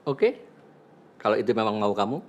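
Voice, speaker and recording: A deep-voiced scheming club boss. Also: male voice, sing-song, moderate pace, a little hiss or hum. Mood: businesslike. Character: scheming middle-aged male club boss. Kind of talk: film dialogue.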